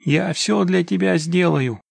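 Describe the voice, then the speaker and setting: Desperate pleading mountaineer father, gravelly and raised pitch, as a male narrator puts him on. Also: expressive, unhurried, no room sound, heavily acted. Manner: pleading, wailing.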